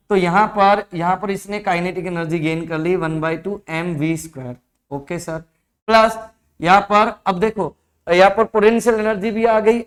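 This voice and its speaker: Speaking in a high-pitched voice, a male physics teacher with an Indian accent walks through exam problems step by step during an online class. He often pauses to check whether his students are keeping up.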